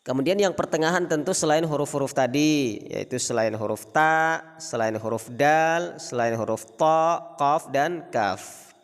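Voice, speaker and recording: A man teaching a Quran recitation lesson on tajwid rules, explaining slowly and pronouncing Arabic examples in a raised, drawn-out recitation tone. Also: in a large hall. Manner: slow, deliberate, models Arabic examples in a raised chanting pitch.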